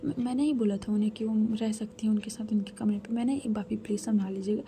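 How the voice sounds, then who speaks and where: A woman's voice: mid-range voice, little pitch movement, fast, gravelly, a little hiss or hum, natural voice. Woman voicing an anxious pleading young wife. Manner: pleading, hushed.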